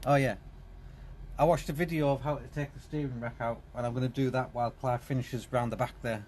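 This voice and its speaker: A man's voice: medium pitch, steady tone, fast, darkish tone, a little hiss or hum. A man chatting casually on a live stream in a vehicle workshop, wandering and repeating himself. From South East England. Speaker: streamer fixing his van.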